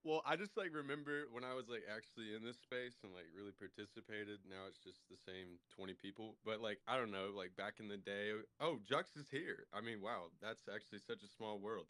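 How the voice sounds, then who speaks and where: A man's voice: on the low side, brisk, hardly any pauses, sharp tone, no echo. A man co-hosting an online audio chat, laid-back and profane in an offhand way. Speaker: co-host. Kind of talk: casual chat.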